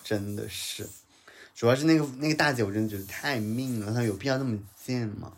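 A man's voice: medium pitch, brisk. A man telling a story in a casual chat, heated and ranting, with English words mixed in. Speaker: podcast co-host telling a story.

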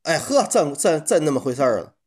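Male podcast co-host, Tianjin accent. Highly animated delivery, casual comic banter, earthy everyday wording. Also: a little fast. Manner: colloquial, mildly profane.

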